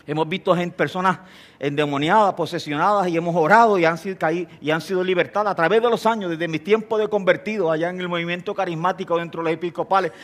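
A man's voice: sits high, fast talker. An older man preaching a sermon, telling stories with humorous asides and asking his listeners questions. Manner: animated storyteller, humorous asides, asks the congregation questions. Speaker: pastor.

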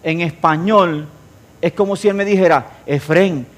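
Middle-aged male preacher, high voice, playful with his flock, swings between loud and hushed. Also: measured pace. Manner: jokes with the congregation, shifts between loud and quiet. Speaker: pastor. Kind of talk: sermon.

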